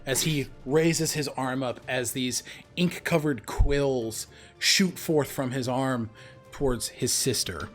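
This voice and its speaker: Man, game master narration, slow pace, faint background music. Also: medium pitch.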